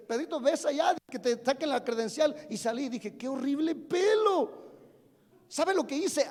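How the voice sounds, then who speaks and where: Preaching with a very high, slightly mellow voice, this pastor in his forties tells humorous personal anecdotes and questions his listeners. A long church-hall reverb surrounds him in the sanctuary.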